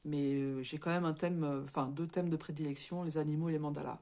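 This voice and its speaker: A woman with a cold talks through a casual show-and-tell vlog, her voice a little hoarse, stuffy and short of breath. She speaks haltingly, stumbling over words, restarting sentences and tagging them with little fillers. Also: deep voice, steady tone, mellow, slight background noise. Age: adult, married. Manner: chatty, tags sentences with "hein". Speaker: crafts vlogger.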